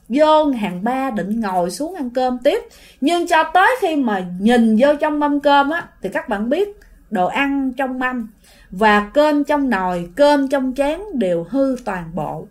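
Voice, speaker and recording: A woman's voice: sits high, sing-song, slow pace. A woman with a Southern Vietnamese accent telling a ghost story in a chatty way, speaking directly to her listeners. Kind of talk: casual ghost story narration.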